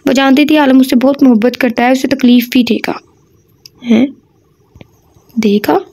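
A woman's voice: high voice, fairly even intonation, fast talker, mellow. A woman reading an audio novel aloud, breaking off now and then for chatty asides to her listeners.

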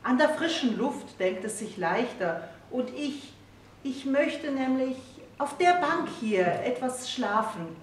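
A woman's voice: sits high, animated, takes it slowly, voice pushed up. A grumpy, touchy middle-aged husband who grumbles and slips into a plaintive whine, as a woman reads him aloud. The voice sits far off in a roomy space with a faint hiss behind it. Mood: coaxing. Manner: grumbling, turns whiny and plaintive.

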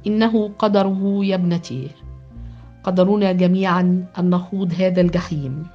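A woman's voice: lowish voice, steady tone, moderate pace, warm tone, natural voice. A woman voicing a pained mother soothing her daughter in an audio novel. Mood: consoling. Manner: soothing through pain. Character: comforting anguished mother. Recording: dull lo-fi with background music.

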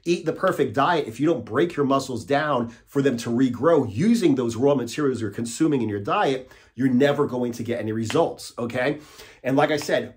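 A man's voice: medium pitch, a little mellow. A man in his forties giving a direct-to-camera fitness talk as a coach, emphatic and punctuating points with "okay?", recorded in a small studio. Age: 40s. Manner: emphatic, repeats "okay?" to drive points home. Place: small indoor studio, plain grey backdrop.

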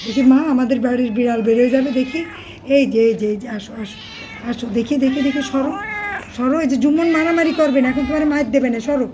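A woman with a high but hoarse, worn voice coos at her cats in soft, repetitive baby talk. She keeps calling them over and fussing over them. The recording is noisy, with a steady hiss behind her. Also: quick pace. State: hoarse, voice partly lost. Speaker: cat caretaker vlogger.

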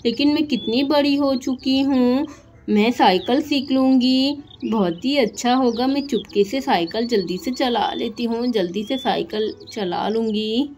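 An eager, sneaky little girl in a doll story chatters excitedly to herself, as a woman puts her on. The voice is high-pitched and quick to fuss and boss. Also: soft background music, natural voice.

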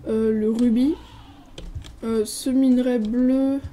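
Mellow-voiced French woman touring a game server. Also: fairly high pitch, fairly even intonation, takes it slowly, slight background noise, rough recording. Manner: hesitant, many filler sounds, reads signs aloud. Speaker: gaming video creator. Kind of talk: casual game server tour commentary.

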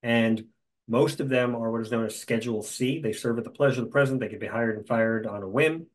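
A middle-aged man, a guest in a conversation, telling stories in a lively way with dry humor. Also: medium pitch, quick pace, low-quality recording.

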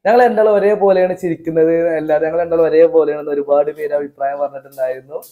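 A man's voice: fairly high pitch, fairly even intonation, very fast, no room sound, phone-quality sound. A man doing casual vlog narration outdoors behind a house, chatty and talking straight to viewers with teasing asides. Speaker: family vlogger cooking.

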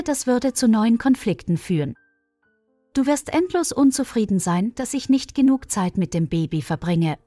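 A woman's voice: on the high side, dark tone, no echo. Woman reading as a weary male surgeon. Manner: pleading, worn-out.

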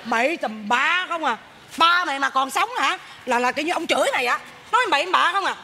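An actress playing a greedy, brash widowed mother, loud and joking on a theater stage. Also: sits high, animated, fairly quick. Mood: complaining. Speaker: mother in a stage comedy sketch. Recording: live stage audio with noise.

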